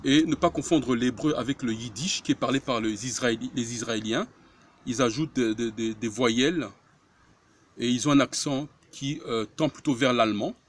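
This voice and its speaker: A man giving a Bible study talk, reading scripture aloud and explaining it in short, deliberate phrases. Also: mid-range voice, a little hiss or hum. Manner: slow, deliberate, breaks phrases into short pieces; reads Hebrew words aloud louder, word by word. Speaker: religious teacher.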